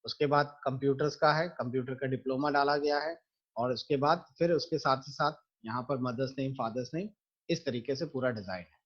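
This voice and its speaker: A man teaching computer software to students in a screen-recorded lesson, explaining each step patiently. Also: mid-range voice, fairly quick, muffled recording.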